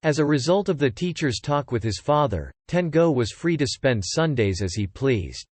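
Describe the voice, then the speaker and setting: A man with a middle-pitched, slightly mellow voice narrates a literary audiobook drama in scripted third person, expressive and at a moderate pace. The recording is dry and close, with no echo and very little room sound.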